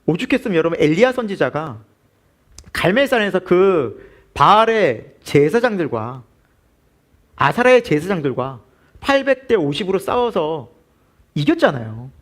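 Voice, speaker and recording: A man preaching in a church with a high, lively voice that climbs and falls across every phrase. He keeps asking the congregation questions and answering them himself. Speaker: pastor. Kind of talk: sermon.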